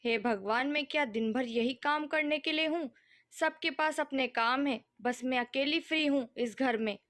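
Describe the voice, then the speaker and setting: A woman's voice: sits high, moderate pace, fairly bright tone. A woman voicing an irritated middle-aged wife who complains in an exasperated, short-tempered way, read as part of a storytelling narration.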